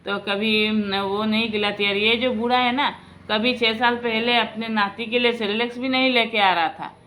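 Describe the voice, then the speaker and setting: A woman's voice: on the high side, fairly even intonation, normal speed, sharp tone. A woman telling a personal family story in a casual, chatty way, speaking to her viewers as friends and often restarting her sentences. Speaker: storyteller, vlogger.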